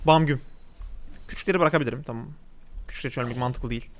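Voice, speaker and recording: A man's voice: medium pitch, fast talker. A young man speaking with a Turkish accent, giving chatty live gameplay commentary as a gaming YouTuber, exclaiming at the game and his viewers. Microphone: desk mic at a gaming setup.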